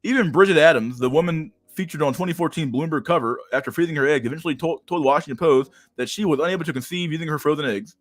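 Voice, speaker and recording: A man's voice: on the high side, fast talker, hardly any pauses, no room sound. A man in his thirties reading an article aloud on a stream, then breaking off into crude, mocking rants with frequent laughter. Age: 30s. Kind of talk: casual livestream commentary.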